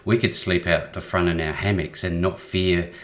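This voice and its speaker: Low-voiced male host who hesitates. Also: fairly even intonation, moderate pace, a bit bright. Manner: hesitant, repeats words, many fillers. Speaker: show host. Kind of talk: casual interview hosting.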